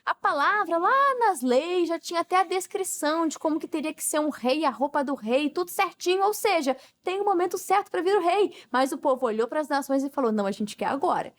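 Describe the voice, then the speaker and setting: A woman's voice: very high voice, expressive, a little fast, hardly any pauses, fairly bright tone. A Brazilian woman hosting a Bible study podcast, talking in an earnest, emphatic, teaching way. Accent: Brazilian Portuguese. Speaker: podcast host.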